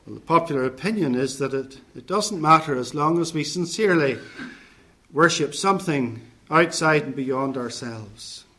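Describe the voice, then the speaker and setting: A man preaching a sermon in a measured, deliberate way, setting out points one by one and listing phrases with care. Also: on the high side, animated, pushed and bright.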